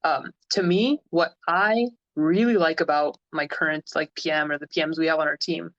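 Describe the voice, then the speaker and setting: A man with a fairly high voice hosts a casual livestream, chatting easily with plenty of fillers and restarts. The audio is dull and lo-fi, as from a streaming computer mic. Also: steady tone, normal speed, fairly bright tone, no echo. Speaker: host.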